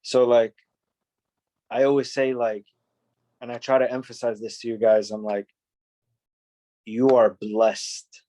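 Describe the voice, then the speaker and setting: A man's voice: medium pitch, steady tone, normal speed, pauses often, dark tone. Earnest man teaching on a video call. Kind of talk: class discussion on a video call.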